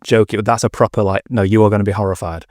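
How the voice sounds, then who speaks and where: A man co-hosting a film podcast, chatting in a relaxed way. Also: lowish voice, quick pace, dry recording, studio quality. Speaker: podcast co-host. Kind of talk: casual film chat.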